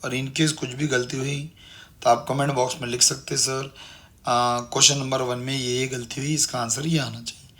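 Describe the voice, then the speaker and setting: A man's voice: medium pitch, a bit bright. A man teaching a math class, repeating steps and coaxing his students along. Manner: repetitive, coaxing, calls students "beta". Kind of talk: online classroom lecture.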